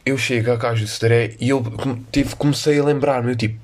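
A man's voice: medium pitch, fairly even intonation, fairly quick. A young man with a European Portuguese accent telling a rambling, self-mocking story in casual, slangy talk. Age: young adult. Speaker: podcast host.

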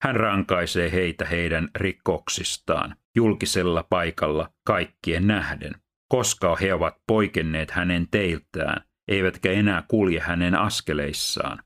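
Male scripture reader, deep low voice, steady measured pace. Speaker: Bible reader and teacher. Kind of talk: scripture reading.

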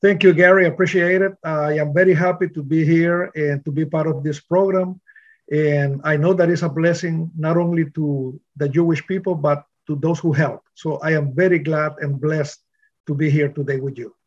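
A middle-aged man from Honduras, a pastor telling his testimony in an interview, earnest and full of pauses and restarts. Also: fairly high pitch, fairly even intonation, highs cut off. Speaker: pastor, guest.

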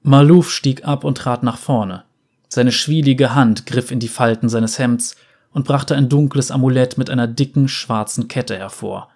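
A male narrator reads a dark fantasy tale. His voice is mid-pitched and measured, with a dramatic storytelling delivery.

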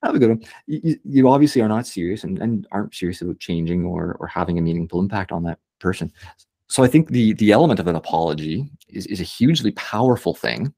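Thoughtful male podcast host, low voice. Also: lively intonation, quick pace, mellow. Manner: thoughtful, repeats words while searching. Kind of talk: conversational interview.

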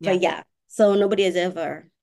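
A woman, a software engineer chatting animatedly as a podcast guest and laughing often. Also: lowish voice, fairly even intonation, brisk, vocal fry. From Kenya. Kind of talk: casual interview chat.

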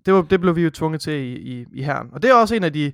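A man's voice: on the high side, expressive, smooth, no room sound, clean studio sound. A man co-hosting a casual podcast, telling a story in a matter-of-fact way. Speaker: podcast co-host. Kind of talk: casual chat.

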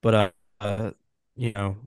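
A man's voice: fairly low pitch, level tone, measured pace, darkish tone, no room sound, studio quality. A man in his thirties co-hosting a podcast in casual chat, rambling and joking, often correcting himself mid-sentence. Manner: rambling, jokey, self-correcting. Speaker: podcast co-host.

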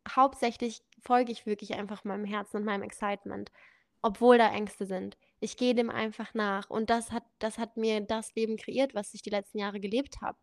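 A young adult woman casually telling a personal story as a podcast guest, lively and acting out the dialogue. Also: medium pitch, moderate pace, dry recording, clean studio sound. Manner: lively, acts out quoted dialogue.

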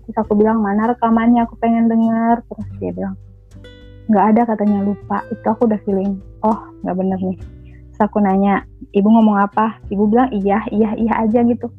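A woman's voice: medium pitch, flat delivery, brisk, slightly rough, faint music behind. A woman who lives in Manado tells a chatty, aggrieved story down a phone line, quoting what others said. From lives in Manado, not originally from there. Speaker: caller sharing her story. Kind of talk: casual chat.

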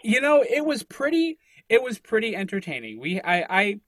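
A man, talking in a relaxed, reflective way and often restarting his sentences. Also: high-pitched, normal speed, no echo. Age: 30s. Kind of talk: casual conversation.

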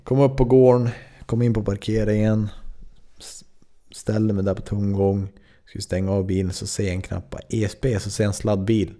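A Swedish man in his twenties hosts a podcast, telling a story casually and rambling along with lots of fillers and swearing. His voice is low-ish and mellow, with a flat delivery.

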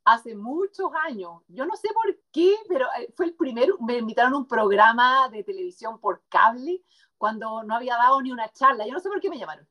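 A woman's voice: a little high, lively intonation, a little fast, pushed and bright. A woman guest author speaking passionately and emphatically in an interview conversation.

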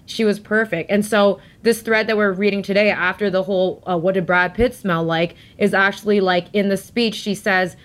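A woman's voice: medium pitch, steady tone, normal speed, few pauses. Heated, swearing woman co-host. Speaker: podcast co-host. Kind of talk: casual chat.

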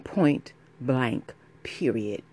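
Emphatic woman podcaster, slow and deliberate. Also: extremely low pitch, animated, darkish tone, slightly rough. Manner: emphatic, impassioned, with deliberate repetition. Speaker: podcast host. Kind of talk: opinionated podcast monologue.

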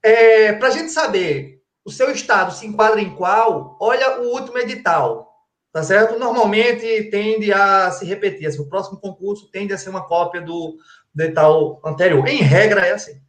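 A high-pitched, slightly bright male voice at normal speed belongs to a forensic crime-scene expert appearing as a guest. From Pernambuco, Brazil, he teaches colloquially, asks rhetorical questions and keeps saying "tá?", all heard with roomy echo.

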